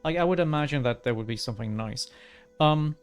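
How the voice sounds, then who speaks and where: A man's voice: mid-range voice, a little fast, clean tone. A man doing casual video game commentary, sometimes muttering to himself and reading on-screen text aloud in a hesitant way. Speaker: gaming streamer. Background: faint game music.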